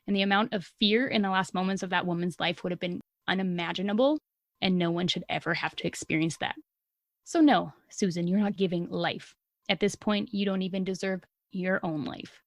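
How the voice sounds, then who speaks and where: Telling a true-crime tale on her podcast, this young adult woman co-host speaks a little fast in a lowish voice, keeping things casual while cursing freely and reacting with blunt indignation. The audio is clean studio sound with no echo.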